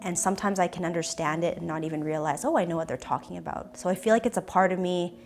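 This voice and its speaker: Speaking in a reflective personal interview, a young woman with a Canadian English accent answers thoughtfully and hesitantly, with many pauses and restarts as she searches for words. Her voice is on the low side for a woman, and soft music plays faintly in the background.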